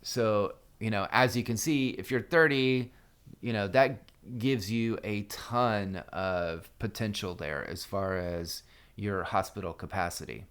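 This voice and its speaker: A man's voice: on the low side, measured pace, fairly bright tone, clear, resonant tone. A man casually talking through a mobile strategy game guide as a screen-recorded voice-over, loose and full of fillers and restarts.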